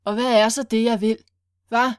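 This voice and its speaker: A woman's voice: fairly high pitch, little pitch movement, clear, resonant tone, no room sound, studio quality, lightly acted. A woman voicing a furious, vengeful man who barks commands at his captives. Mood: bitter. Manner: barking, roaring commands.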